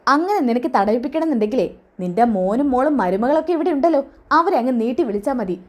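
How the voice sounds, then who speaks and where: A woman's voice: high voice, expressive, fast. A woman voicing a stern, protective older sister-in-law who scolds and threatens, in a retold serial story. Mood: scolding.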